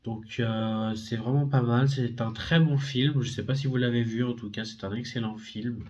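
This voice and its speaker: In a casual unboxing video, a DVD and Blu-ray collector with a head cold talks about his discs in a middle-pitched voice at a moderate pace. He rambles and hesitates, stumbling over fillers and correcting himself as he goes. The slightly muffled, lo-fi recording gives it a relaxed, unpolished feel.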